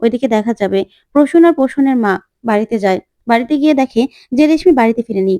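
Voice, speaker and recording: Fast-talking woman recapping a serial. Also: fairly high pitch, lively intonation, mellow, no echo. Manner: rapid storytelling, voices all roles. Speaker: narrator.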